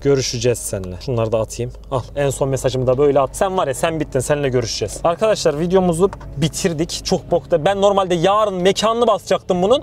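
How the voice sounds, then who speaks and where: Man, high-pitched rapid vlogger, jittery and cursing. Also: a little mellow, a little hiss or hum. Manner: jumpy, taunting and scared, swearing. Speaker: vlogger host. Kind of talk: horror prank vlog. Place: empty building corridors.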